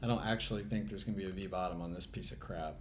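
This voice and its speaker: A man's voice: low-pitched, fairly even intonation, rapid-fire, a little hiss or hum. A man talking to himself while playing a trading game, muttering and sighing in exasperation, swearing at the chart as he commentates live. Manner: muttering exasperated self-talk, swearing, sighs. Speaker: trading channel host.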